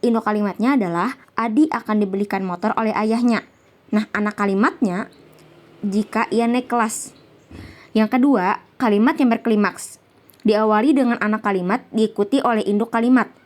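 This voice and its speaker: A woman's voice: mid-range voice, moderate pace. A young woman from Indonesia, a student giving a casual lesson on sentence types, reading out examples and explaining them with frequent "nah" and "jadi". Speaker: student presenter.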